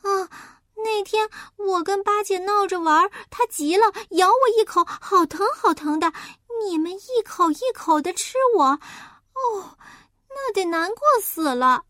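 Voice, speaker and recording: A woman voicing a naive, chatty little boy piglet in a storybook reading, with a high, eager, innocent way of talking. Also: lively intonation, unhurried, a bit bright, no room sound, clean studio sound, exaggerated voice.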